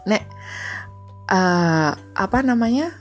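A woman's voice: medium pitch, lively intonation, slow pace, soft background music. A woman in her thirties hosting a casual solo podcast, chatty and confessional, often laughing and slipping into English phrases. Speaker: podcast host.

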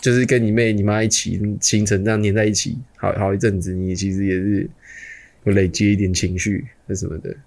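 A man's voice: fairly low pitch, flat delivery, brisk, a little mellow. A young man with a Taiwanese Mandarin accent, co-hosting a podcast in casual chat, asking questions and teasing his friend. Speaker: podcast co-host.

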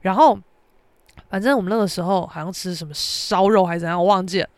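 A young woman with a Taiwanese Mandarin accent, hosting a podcast and telling a story in an animated, exasperated way. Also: fairly low pitch, fast talker, no room sound. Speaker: podcast host. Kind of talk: casual storytelling.

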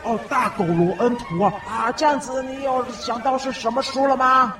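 A man's voice: extremely high pitch, moderate pace, music in the background. A man with a Taiwanese Mandarin accent voicing a playful, bossy animal character who calls out orders. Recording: distant voice with clear noise.

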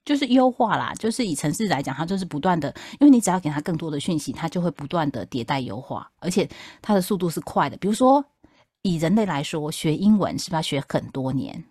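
Woman, Taiwanese accent, low pitch, casual explanatory podcast talk, frequent tag questions, dry close sound. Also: sing-song, quick pace, a little mellow, breathy edge, no room sound. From Taipei, Taiwan. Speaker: podcast guest explaining technology.

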